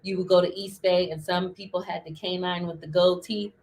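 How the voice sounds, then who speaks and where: A woman co-hosting a casual chat, animated and playful, telling stories with a lot of expression. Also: on the low side, brisk. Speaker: podcast co-host.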